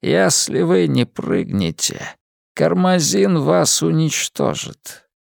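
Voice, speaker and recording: A frail old man with a faint, rustling, gravelly voice, as a male narrator puts him on. He drags out each phrase with chilling courtesy. The read is close and dry, with no room around it. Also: a little high, very animated, no room sound, voice pushed up, heavily acted. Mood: cold menace. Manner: slow, measured, coldly polite. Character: frail old man, cold, menacing villain.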